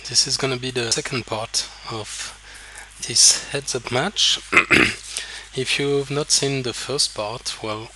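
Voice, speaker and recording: A poker coach, a native French speaker with a French accent, explains hands over a screen recording, talking slowly and haltingly as he thinks aloud and often repeats words. His mid-range voice has a bright, forceful edge and fairly even intonation. The low-quality recording carries a little hiss or hum.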